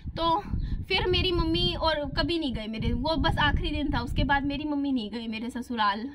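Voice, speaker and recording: A woman's voice: high-pitched, moderate pace, noisy background. A woman vlogger candidly retelling a painful family conflict in a personal storytelling style.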